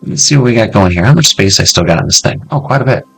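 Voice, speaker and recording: A man hosting a casual let's-play, chatting to himself in an excitable way and swearing freely as he loots. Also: lowish voice, quick pace, creaky, breathy edge, faint music behind. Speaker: gameplay video host.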